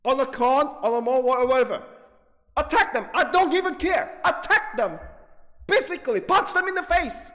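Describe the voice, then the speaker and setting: Sounding like an agitated gaming video creator, a man with a very high-pitched voice goes on an angry, off-the-cuff rant about video games. He swears and repeats himself, drawing words out for emphasis in halting bursts, with lively, pushed, bright intonation. A long, hall-like reverb colors the sound.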